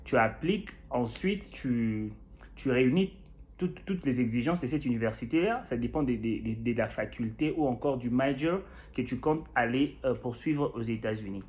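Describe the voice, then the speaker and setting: This YouTuber, a young Kinshasa man with a Congolese French accent, chats to the camera about what he went through. He speaks at a moderate pace in a slightly mellow, medium-pitched voice, often using fillers and restarting sentences. The audio is lo-fi and dull.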